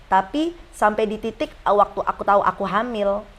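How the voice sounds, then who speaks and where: A woman in her forties, a guest on a casual chat, telling her story in a slangy, lively way. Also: medium pitch, normal speed. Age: 40s. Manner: lively storyteller who acts out quoted voices; slangy, chatty.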